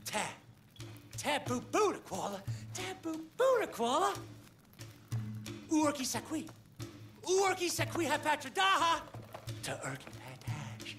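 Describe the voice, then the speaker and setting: An eccentric caveman thinker in a video game cutscene, with a high voice that swoops all over and a strange, unique accent. He stretches his odd exclamations out slowly. Loud game music plays behind him. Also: huge pitch swings, exaggerated voice. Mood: eccentric, excited. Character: odd, excitable caveman thinker who dreams of flying.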